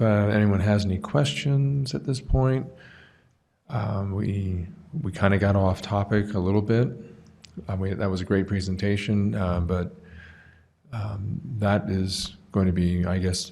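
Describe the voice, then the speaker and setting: A man with a Utah accent chairing a city council meeting, speaking haltingly with many fillers. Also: low-pitched, vocal fry, warm tone. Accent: Utah English.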